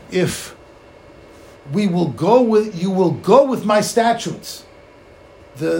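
A man's voice: high-pitched, a little mellow. A man with gives a Torah sermon as a rabbi, telling stories emphatically, repeating phrases and asking rhetorical questions. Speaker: rabbi giving a Torah lecture. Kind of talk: sermon, Torah lecture with storytelling. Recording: echoey room, faint background noise.

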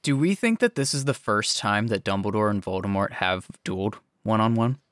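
A man's voice: fairly low pitch, a little fast, no echo. Guy guesting on a podcast, dry close mic, tells stories, cusses a lot. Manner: animated storytelling, swears for emphasis. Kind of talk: casual podcast chat.

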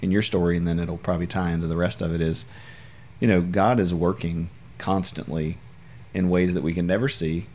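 A man's voice: sits low, fairly even intonation, brisk, darkish tone. A man co-hosting a podcast, speaking in an encouraging, reflective way with faith-centered remarks. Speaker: podcast co-host, counselor's supervisor. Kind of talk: casual podcast conversation.

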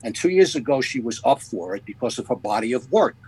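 A man hosting an interview, telling a story in a halting way with restarts. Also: medium pitch, expressive, warm tone, slightly rough, poor audio. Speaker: podcast host. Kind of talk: conversational storytelling.

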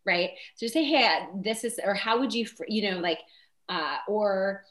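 Hesitant woman thinking out loud. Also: mid-range voice, expressive, normal speed, reverberant. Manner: hesitant, thinks aloud with many fillers. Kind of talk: casual podcast chat.

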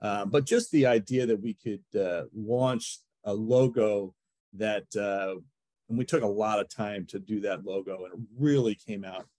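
A man's voice: lowish voice, unhurried, darkish tone, no room sound. A man with an American accent answering conversationally as a baseball team representative in an interview.

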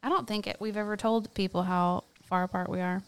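A woman in her thirties trades playful jabs as a podcast co-host, chatty and combative in good fun. Her voice sits at an ordinary middle pitch, speaking close to a podcast microphone at home. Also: steady tone, a little fast, smooth. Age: 30s. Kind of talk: casual banter. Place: home, on a couch.

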